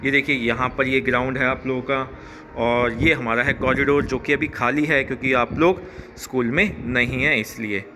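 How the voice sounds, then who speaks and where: A young man teaching a class of children, reading a poem slowly line by line and repeating it, then explaining in Hindi, filmed on a phone at a school. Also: medium pitch, fairly even intonation, background noise. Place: school grounds, filmed while walking around.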